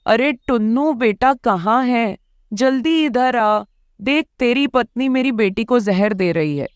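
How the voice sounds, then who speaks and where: A woman's voice: on the high side, expressive, slow pace, smooth, no echo, studio quality. A woman voicing a scheming, nagging old mother-in-law bird in a cartoon, scolding and wailing dramatically. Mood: accusing.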